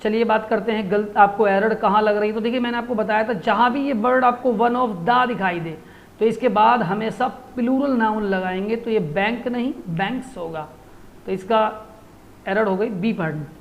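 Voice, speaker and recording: A male teacher giving an exam-prep grammar lesson, translating phrase by phrase and quizzing listeners with quick rhetorical questions. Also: sits high, lo-fi sound.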